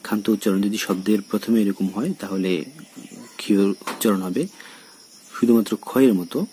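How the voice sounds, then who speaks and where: A man from Bangladesh, a college lecturer, giving a recorded lesson and speaking straight to his students, slowly explaining and repeating example words. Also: lowish voice, fairly even intonation, dark tone, a little hiss or hum. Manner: addresses students directly.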